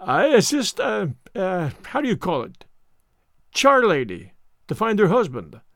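A man's voice: high-pitched, big pitch swings, unhurried, creaky, fairly bright tone, no room sound, studio quality, exaggerated voice. A man voicing a fussy, vain little detective who speaks in prim, precise foreign-sounding English. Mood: amused.

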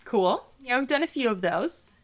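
A woman in her thirties hosting a podcast, talking in a chatty, upbeat way with direct appeals to listeners and a relaxed chat with her child. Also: on the high side, normal speed, dry recording. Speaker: podcast host.

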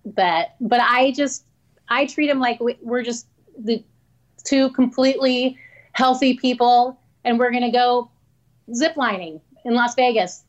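A woman's voice: on the high side, measured pace, lo-fi sound. A woman guest telling stories in a frank, chatty way and laughing often. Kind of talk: casual interview storytelling.

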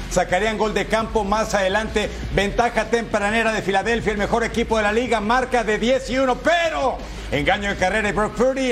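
Man, extremely high pitch, football highlights commentary, touchdown calls, playful, exclamatory, rhetorical questions. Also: fairly bright tone. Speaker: sports highlights presenter.

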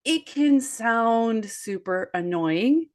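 Woman, 40s, podcast guest and author; earnest, animated storyteller. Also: a little high, extremely slow. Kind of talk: conversational podcast discussion.

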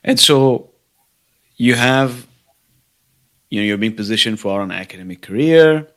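A man hosting an interview, calm and affirming, asking questions and murmuring agreement. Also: medium pitch, a little slow. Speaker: host. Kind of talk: conversational interview.

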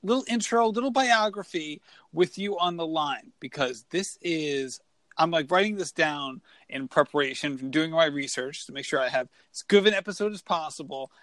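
Speaking at normal speed, this host has a voice on the high side with a fairly bright tone, captured dry. He enthusiastically introduces his running podcast guest and interviews him casually, rambling a bit.

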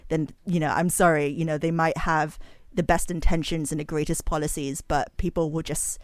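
A woman guest on a podcast, chatting casually and telling a story with animated energy. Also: deep voice, moderate pace, no echo, studio quality. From grew up abroad, moved at sixteen. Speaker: guest, magazine editor.

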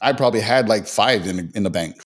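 Low-voiced guy on a podcast, keeps stopping and restarting his sentences, pretty deep. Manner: halting, many restarts and repeated words. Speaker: podcast guest. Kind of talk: casual interview talk.

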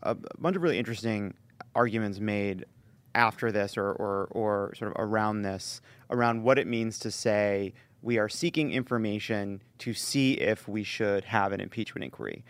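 A man explaining politics in a panel discussion, rephrasing haltingly as he reasons. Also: on the low side, no room sound.

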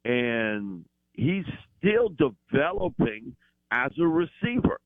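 A man calling in as a football analyst, talking in an animated, rambling way with fillers over a phone line. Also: on the high side, takes it slowly, gravelly, dry recording.

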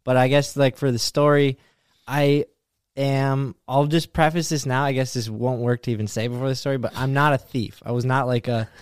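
A young man on a podcast telling a relaxed, self-deprecating story in casual chat. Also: medium pitch, moderate pace, smooth, dry recording, clean studio sound. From United States. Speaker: podcast host.

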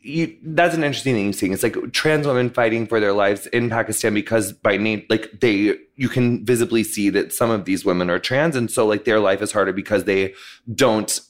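A man's voice: on the low side, brisk. A man hosting a podcast interview, chatty and jokey, filling his questions with "like". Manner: chatty, lots of likes, jokey asides. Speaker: podcast host. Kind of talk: casual interview chat.

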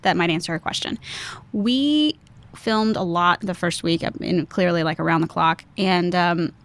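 A woman chatting casually as a guest, talking quickly and laughing easily. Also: lowish voice. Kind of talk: casual chat.

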